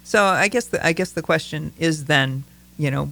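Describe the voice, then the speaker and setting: A man's voice: on the high side, moderate pace, creaky, sharp tone. A man co-hosting a casual political talk show, speaking thoughtfully with many fillers and restarts.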